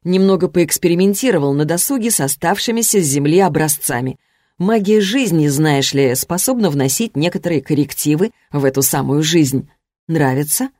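A woman voicing a calm, teasing young male mage in a soft, unhurried, lower voice. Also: no room sound, studio quality. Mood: gentle.

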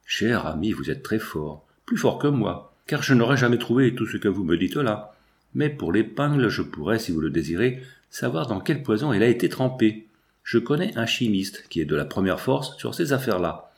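A man voicing a shrewd, persuasive man in an audiobook, speaking in a measured, calculating way. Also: on the low side, big pitch swings.

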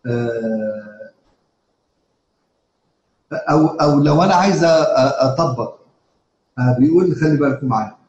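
A man with an Egyptian Arabic accent teaching a live class on Quran readings. He explains in casual speech, stops often on filler sounds, and chants quoted verses slowly. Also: mid-range voice, animated, darkish tone, reverberant, highs cut off. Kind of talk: live lesson to students.

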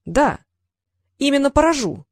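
A woman voicing a proud, brash young male apprentice wizard who talks loudly and indignantly, insisting on his point. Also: high voice, very animated, unhurried, no echo, studio quality, pitched above the performer's own voice.

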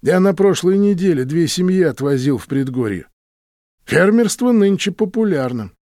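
A laconic, indifferent truck driver from an audiobook, drawling his questions slowly in a higher, lively voice, as a male reader puts him on. The recording is dry and close. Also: no echo.

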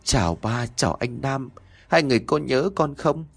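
A man's voice: medium pitch, animated, normal speed, creaky, husky, pitched above the performer's own voice. A man voicing the vengeful ghost of a young girl, wailing and accusing in a storybook tale. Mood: eerie.

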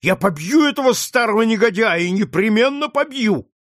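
A man's voice: fairly high pitch, normal speed, dry recording, clean studio sound. George, a man voicing an indignant boy. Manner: excited, pleading outbursts. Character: indignant young boy, passionate and impulsive. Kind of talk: audiobook character reading.

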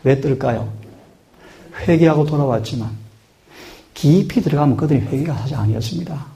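Earnest Korean pastor, mellow voice. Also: male voice, mid-range voice, a little fast, creaky. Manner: earnest, questioning the listeners often. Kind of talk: sermon.

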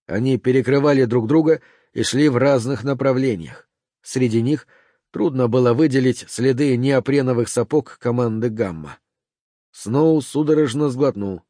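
A man narrating an audiobook with measured, tense storytelling. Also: mid-range voice, mellow, dry recording, clean studio sound. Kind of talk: scripted narration.

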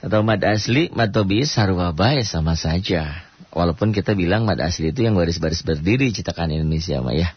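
A man teaching Quran recitation rules on a radio programme, asking himself questions and answering them, and chanting verses slowly to show the rules. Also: sits low, lively intonation, breathy edge, dry recording. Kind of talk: radio tajwid lesson. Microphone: studio radio mic. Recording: dull dry radio broadcast.

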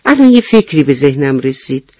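A man's voice: mid-range voice, very animated, dark tone, no room sound, highs cut off, close to an everyday voice. A man voicing an eager, honest young boy mouse in a children's story. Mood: earnest.

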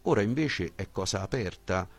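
A male audiobook reader with a very low, deep voice. He reads a philosophical dialogue in a measured, questioning way, posing each point with care. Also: animated, vocal fry.

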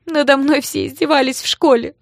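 Woman doing a soft, mincing young man. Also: lowish voice, animated, normal speed, no echo, studio quality. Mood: tearful. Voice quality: soft, slightly affected.

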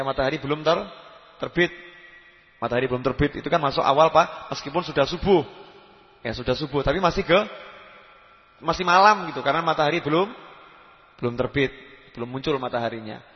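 A man's voice: a little high, a little fast, long pauses. Man preaching in a hall. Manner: lively preaching, rising to emphatic calls, drops to soft asides. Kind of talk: religious lecture. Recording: lo-fi reverberant hall recording.

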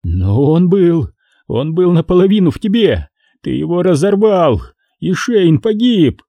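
A man's voice: high-pitched, sing-song, a little slow, dark tone, dry recording, pitched above the performer's own voice, exaggerated voice. A man voicing a hysterical, panicked male submarine crewman who shrieks and pleads frantically in an audiobook.

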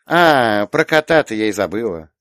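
A man reading an audiobook, voicing a gentle, thoughtful young woman who speaks softly and a little hesitantly. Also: fairly low pitch, expressive, moderate pace, no room sound, studio quality. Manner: soft, hesitant, lifted voice. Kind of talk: audiobook character voice.

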